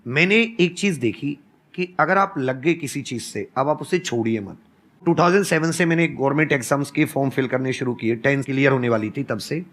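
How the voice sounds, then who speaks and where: A man's voice: medium pitch, fairly quick, fairly bright tone. A man in his thirties, a teacher and co-founder, telling stories earnestly and counting off his points on a panel. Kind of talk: conversational panel talk.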